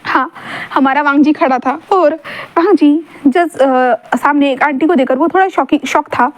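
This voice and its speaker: A woman's voice: high-pitched, normal speed. A woman casually narrating a fan-fiction story, chatty and informal with fillers.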